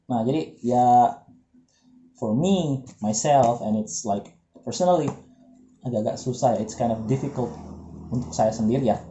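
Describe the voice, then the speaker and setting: A man's voice: mid-range voice, unhurried, long pauses, warm tone, reverberant, dull audio, a little hiss or hum. A man teaching English pronunciation in a casual, joking lesson, drilling words for a partner to repeat.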